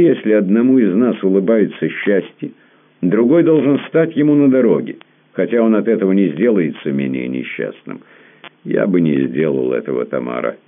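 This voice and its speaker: A man reading the lines of a cold, composed prince in a measured, restrained manner. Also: low-pitched, gravelly, phone-quality sound, pitched above the performer's own voice, exaggerated voice. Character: cold composed prince, weary of his lover.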